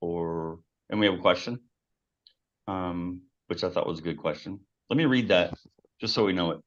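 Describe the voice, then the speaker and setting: A man's voice: deep voice, normal speed. A man co-hosting a casual live show, joking and laughing often, loose and rambling. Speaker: co-host. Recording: dull lo-fi sound.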